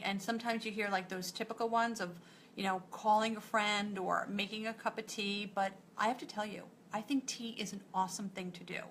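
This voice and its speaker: A nutritionist with a New York accent gives a live coaching talk to an online group, direct and encouraging, linking her thoughts with "and so." Her mid-range voice is fairly bright, with slight background noise.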